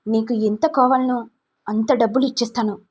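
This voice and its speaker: A woman's voice: fairly high pitch, steady tone, normal speed, breathy edge. A woman voicing a stern, proud middle-aged mother who scolds and demands answers, in a storytelling recap. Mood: scolding.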